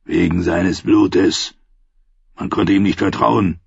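A cynical old archmaester speaks with dry, unhurried menace, as a male reader puts him on. His voice is low and gravelly with a husky edge. The recording is dull and lo-fi with no room sound. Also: fairly even intonation, darkish tone, no room sound, full character voice. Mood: sardonic.

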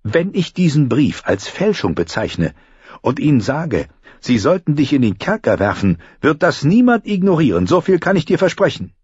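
A man's voice: on the high side, big pitch swings, normal speed, darkish tone, slightly rough, no room sound, muffled recording, pitched above the performer's own voice, exaggerated voice. Cersei, a man voicing a scornful queen regent. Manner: cold, scornful. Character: proud, angry queen regent, woman.

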